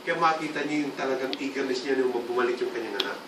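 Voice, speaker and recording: A male pastor giving a lively church sermon, often calling out for the congregation's response. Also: mid-range voice, fast talker, noisy background. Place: church hall. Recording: roomy hall, distant mic, congregation sounds.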